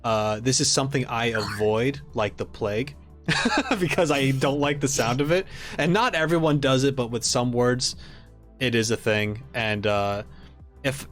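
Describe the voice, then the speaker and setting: An American man from New York, co-hosting a podcast in relaxed, casual chat, chuckling often and trailing off mid-thought. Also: medium pitch, normal speed, faint music behind. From Long Island, New York. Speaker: podcast co-host.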